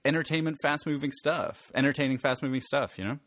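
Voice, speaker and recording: A man's voice: mid-range voice, steady tone, quick pace, a bit bright, dry recording, clean studio sound. A man co-hosting a podcast, rambling casually about a film and laughing often. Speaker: podcast co-host. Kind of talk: casual chat.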